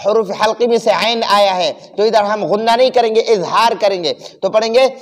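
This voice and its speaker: A man from Pakistan teaching a Quran recitation lesson, explaining pronunciation rules and then chanting verses slowly. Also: high voice. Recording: long reverb.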